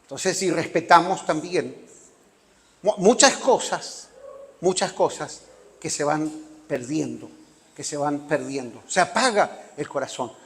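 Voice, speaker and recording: A man's voice: a little high, lively intonation, a little slow, a bit bright. A man with a Rioplatense Spanish accent preaching a conversational sermon, asking listeners rhetorical questions and acting out church members. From Argentina. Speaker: pastor. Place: church hall. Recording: long hall reverb.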